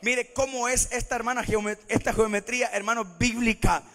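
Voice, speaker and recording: A man's voice: very high voice, fairly even intonation, moderate pace, a bit bright, in a large hall. A Salvadoran man with a Salvadoran Spanish accent, preaching a sermon in church, who keeps calling out to the congregation as brothers and sisters.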